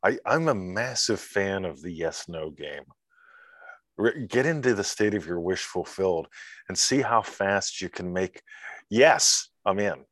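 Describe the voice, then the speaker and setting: Low-voiced man, animated storyteller. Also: measured pace, no room sound, clean studio sound. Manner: animated storyteller, acts out scenes with sound effects. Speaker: podcast guest, mentor. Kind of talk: casual podcast chat.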